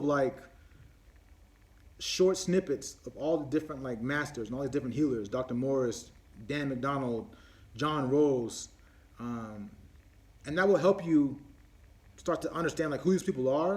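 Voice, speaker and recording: A man's voice: medium pitch, darkish tone. A man hosting a casual live-stream Q&A on his phone, rambling with many fillers and restarts as he answers viewer questions one by one.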